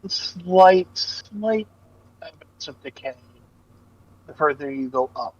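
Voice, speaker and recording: Slow, soft-spoken male game master on a dull call line that cuts out, endings choppy and dropping away. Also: fairly high pitch, expressive, husky. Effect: choppy audio cutting out at phrase ends. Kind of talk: narrating a tabletop game over a voice call. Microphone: voice call mic, quiet.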